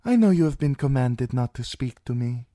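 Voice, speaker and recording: A man's voice: medium pitch, lively intonation, normal speed, warm tone, no room sound, pitched above the performer's own voice, lightly acted. Man doing a wily young princess, raised voice, coaxing, dry close sound. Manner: coaxing, confiding. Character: young scheming princess, woman, persuasive.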